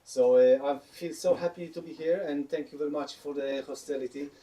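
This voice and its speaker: A man giving an earnest, halting thank-you speech about his dream. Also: fairly high pitch, fairly even intonation, far from the mic, very noisy. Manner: earnest, halting, non-native phrasing. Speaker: sailor thanking hosts.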